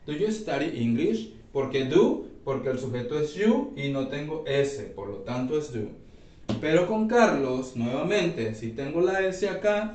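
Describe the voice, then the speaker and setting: A man teaching an English grammar class, explaining slowly and checking in with his students often. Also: a little high, darkish tone. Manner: slow, repeats and checks with "¿sí?". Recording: echoey room, voice from far off.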